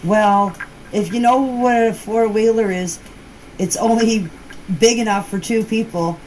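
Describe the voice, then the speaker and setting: Her voice sits a bit high and sounds slightly mellow, with fairly steady intonation and an unhurried pace. She answers group-chat questions in casual, emphatic voice messages full of repetition and non-standard grammar, captured in a noisy recording.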